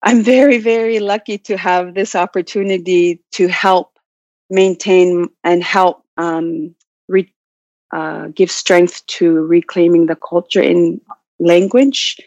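A woman's voice: lowish voice, steady tone, slow pace, a little mellow. A woman from Arctic Canada, giving reflective interview answers in a hesitant way, searching for words. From Nunavut, Arctic Canada. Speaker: interview guest, Inuit language learner and business owner. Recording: dull, roomy, lo-fi call audio.

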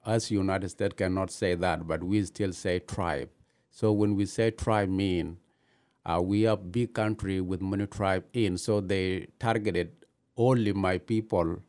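In an interview, a man from Gambela, Ethiopia, who has newly become a citizen shares his own story in hesitant non-native English broken by frequent pauses. His voice sits low and sounds a little mellow.

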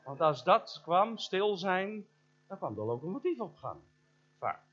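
Lively high-voiced middle-aged male preacher. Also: measured pace, husky. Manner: animated, addresses the congregation directly; imitates sounds and voices in his story. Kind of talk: storytelling sermon. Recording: dull lo-fi church recording.

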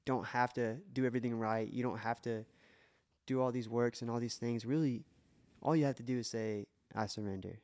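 His medium-pitched voice has a darkish tone and fairly even intonation, and he talks briskly. As co-host of a casual faith podcast, he shares an earnest, emotional testimony, restarting repeatedly.

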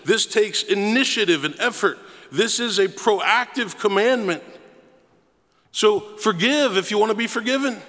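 A man's voice: high-pitched, fairly bright tone, big-room sound. A man preaching a sermon as pastor, emphatic and repeating phrases for effect.

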